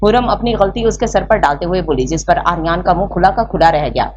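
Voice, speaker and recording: A woman narrating a romance novel aloud in a steady, measured reading. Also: on the low side. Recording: slightly muffled with faint hiss.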